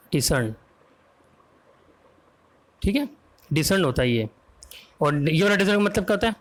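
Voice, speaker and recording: A man teaching an online exam vocabulary lesson, quizzing students and spelling words out letter by letter in a brisk, coaxing way. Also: a little high.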